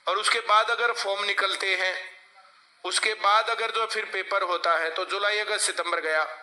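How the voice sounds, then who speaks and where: A male coaching teacher with a high, bright, forceful voice lectures his class. He frequently asks the students to give him answers.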